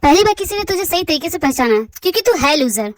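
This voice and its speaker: High-voiced woman dubbing a fan drama. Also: very animated, fast, no room sound. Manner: teasing, bantering. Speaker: fan-fiction voice actor. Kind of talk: hobby audio drama dubbing.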